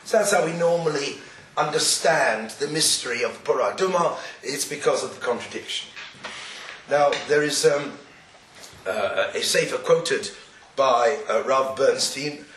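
A man with a croaky voice giving an explanatory Torah lecture, deliberate and sprinkled with Hebrew quotations. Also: medium pitch, fairly bright tone. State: croaky, getting over an illness. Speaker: religious lecturer. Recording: roomy, distant, noisy recording with clicks.

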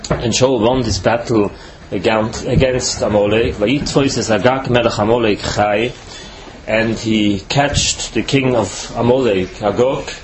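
A Swiss rabbi who isn't a native English speaker delivers a Torah lecture in halting, careful English. His voice is medium-pitched, and there's background noise.

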